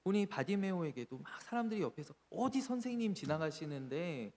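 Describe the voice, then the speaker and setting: A male pastor preaching in a church sanctuary, his fairly high voice rising and falling in a very lively way as he tells stories and acts out what people said. The sound rings with long reverb from the hall. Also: fairly quick. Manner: animated storytelling, acting out quoted voices. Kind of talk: sermon.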